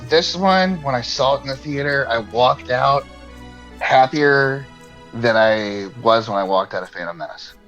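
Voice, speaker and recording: A man's voice: mid-range voice, measured pace, a bit bright, soft background music. Man, podcast co-host, casual rambling chat, swears a lot, laughs often, muffled lo-fi audio.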